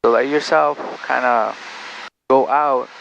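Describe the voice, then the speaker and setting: A gravelly-voiced man coaches as a flight instructor over a muffled cockpit intercom, with some engine noise behind him. His instructions are calm, directive and encouraging, laid out one step at a time. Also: medium pitch, slow. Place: inside a small airplane in flight. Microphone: aviation headset.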